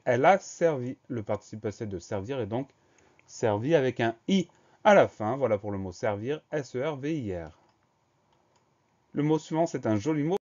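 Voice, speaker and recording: A man teaching spelling in a patient, careful way, dwelling on each syllable and spelling it letter by letter. His voice sits at an ordinary middle pitch. The recording sounds slightly dull and lo-fi. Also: a little mellow. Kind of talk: spelling dictation lesson.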